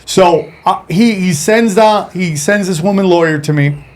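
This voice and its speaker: High-voiced man telling wild stories. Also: normal speed. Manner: profane, animated anecdote telling that acts out the people in the story. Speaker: stand-up comedian, podcast guest. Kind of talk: casual storytelling.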